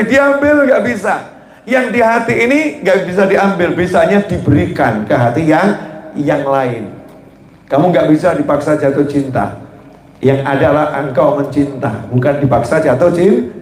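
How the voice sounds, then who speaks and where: Guy preaching, kinda high voice, lively storyteller, cuts off words n repeats, echoey room. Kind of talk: sermon.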